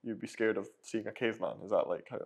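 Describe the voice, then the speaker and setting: Quick-talking man in casual chat. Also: fairly low pitch, gravelly, slightly rough. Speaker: podcast co-host.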